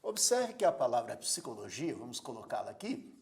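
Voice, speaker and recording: Man lecturing, lively, gravelly. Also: mid-range voice. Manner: slow, deliberate, repeats words syllable by syllable; asks rhetorical questions to the learner. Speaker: Portuguese grammar teacher. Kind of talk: classroom lecture.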